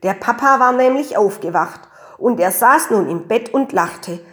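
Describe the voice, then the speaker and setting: A woman with a fairly high voice tells a children's story aloud. Her reading is lively and expressive, shaping each sentence for young listeners. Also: unhurried.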